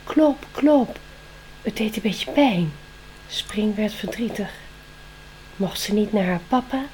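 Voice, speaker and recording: A woman tells a children's bedtime story with expressive delivery, slowing down for tense moments. Her voice sits at a middle pitch, with faint noise behind it. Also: poor audio.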